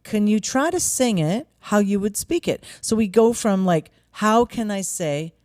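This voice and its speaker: A woman's voice: medium pitch, expressive, moderate pace, warm tone, no echo, studio quality. A woman songwriter and vocal coach in a casual conversation, earnest and thinking aloud with many likes.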